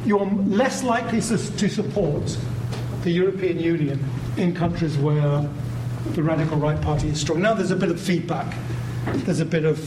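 A man's voice: on the high side, moderate pace. An older man from giving an academic lecture on politics, thoughtful and full of restarts. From London, England. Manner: thoughtful, many restarts, acts out quoted voices. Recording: roomy hall with background noise.

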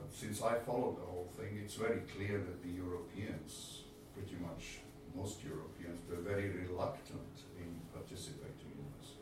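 A low-voiced man with a Serbian accent speaks from far off in a very echoey room. He argues formally and deliberately as an audience member, with clear noise around him. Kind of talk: deliberate argumentative question from the floor.

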